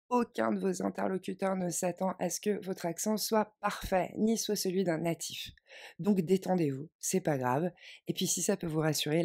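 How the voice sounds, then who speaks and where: A woman teaching an online language lesson, speaking in a clear, measured, reassuring way and stressing key phrases. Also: on the low side, dark tone. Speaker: English teacher.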